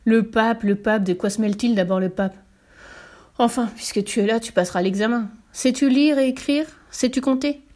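A woman's voice: medium pitch, steady tone, a little fast, a little mellow, close to an everyday voice. A woman voicing a grumbling old male Saint Peter who mocks and quizzes. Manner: grumbling, mocking, testing.

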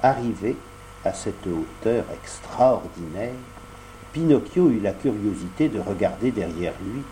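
A man narrating a storybook aloud in a measured, expressive reading. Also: fairly low pitch, slight background noise, poor audio. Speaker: audiobook narrator.

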